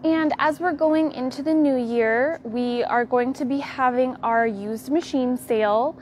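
A young woman with an American accent hosting a live tour of a quilt fabric shop, walking the aisles and showing products in a friendly, unhurried way. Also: high-pitched, slight background noise. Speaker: quilt shop staff host.

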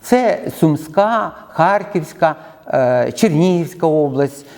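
A man's voice: fairly high pitch, lively intonation, slow pace, darkish tone. A middle-aged man with a Ukrainian accent giving a lecture, listing words one by one and explaining each, with frequent hesitation sounds. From southern Ukraine. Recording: long reverb in the room.

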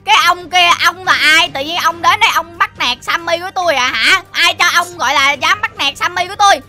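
A man's voice: extremely high pitch, fairly quick, bright, forceful tone, faint music behind, full character voice. A man voicing a cheeky, fussy childish boy hero in a game role-play, whining and boasting. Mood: indignant. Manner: whiny, exclaiming, boastful.

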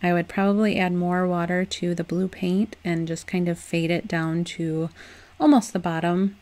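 A young woman runs a DIY home decor vlog, and here she narrates a home craft tutorial at a moderate pace. Her voice is lowish with little pitch movement, while her manner is chatty and upbeat, with soft laughs and loose restarts.

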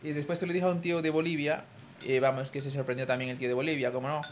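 A man's voice: mid-range voice, fairly even intonation, racing, a little hiss or hum. A young man from Spain with a Spanish accent, chatting casually with his viewers on a live stream. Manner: chatty, addresses chat as tío.

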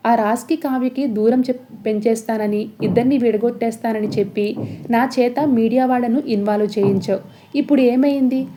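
A woman's voice: fairly high pitch, dark tone, close to an everyday voice. A woman voicing a mocking young adult son who taunts sarcastically, in a serial recap story.

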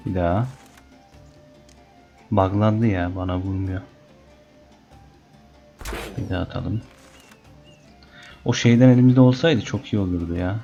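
A man's voice: sits low, gravelly, warm tone, lo-fi sound. A man commenting on his gameplay and playfully taunting the animals in the game. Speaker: gaming channel host. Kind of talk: Let's Play commentary.

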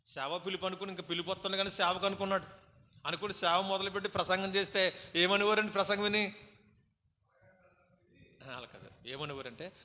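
Bright-voiced preacher man, echoing hall. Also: high-pitched. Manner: exhorting, calls for praise responses. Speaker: pastor. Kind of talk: sermon. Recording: hall reverb, faint background noise.

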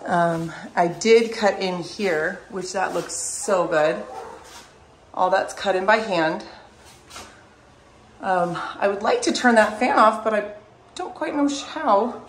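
A woman's voice: medium pitch, lively intonation, slow pace, pauses often, a little hiss or hum. A tired woman chatting casually to camera as she shows rooms of her house under renovation. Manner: chatty, showing things to camera. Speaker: vlogger. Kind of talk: casual home renovation vlog.

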